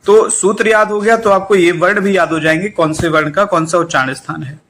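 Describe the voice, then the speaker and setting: A male teacher giving an exam-prep lesson, chanting memory formulas slowly and repeating each line while telling students what to do. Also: sits high, steady tone, fairly bright tone, slight background noise. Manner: addresses students directly with instructions.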